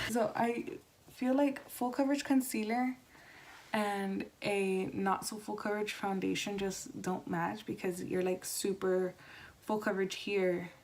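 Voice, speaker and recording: A woman chats casually through a makeup tutorial. She keeps her voice quiet and hushed, like late at night with someone sleeping close by. Her pitch is average, and there is faint noise on the recording. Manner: quiet, hushed talk at night-time volume so as not to wake someone. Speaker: beauty vlogger. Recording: noisy home recording with clicks.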